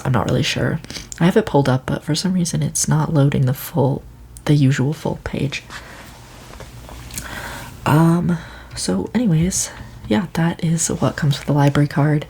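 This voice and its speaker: A woman playing a friendly, casual librarian in an ASMR ASMR role-play, with a hushed library voice that slips into speaks softly and halting, hesitant phrasing. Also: sits low, gravelly, slightly rough, heavily acted. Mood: helpful, matter-of-fact. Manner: hesitant, unhurried, halting delivery. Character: friendly, casual, helpful female librarian at the checkout desk.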